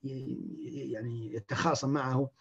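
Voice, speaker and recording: A man, a clinician giving a lecture, talking in an animated way and acting out the words of patients. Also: medium pitch, measured pace, husky, dull audio.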